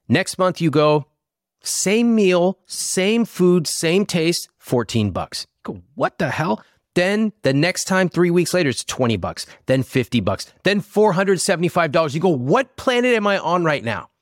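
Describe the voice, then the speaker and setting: A man reading a fast legal disclaimer at the end of a sponsor read, rapidly and flatly reciting fine print. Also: mid-range voice, dry recording, studio quality. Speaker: podcast host and financial coach.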